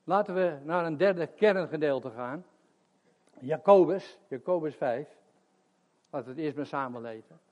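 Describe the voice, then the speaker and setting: A man's voice: a little high, darkish tone. An older man preaching a sermon and telling stories between chuckles. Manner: chatty storytelling with chuckles.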